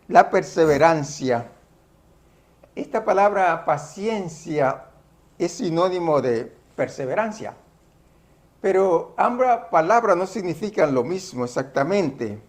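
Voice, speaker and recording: Bible study teacher, male, fairly high voice, slow and deliberate delivery, breaks terms down step by step. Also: a little mellow. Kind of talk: explaining a Bible study lesson.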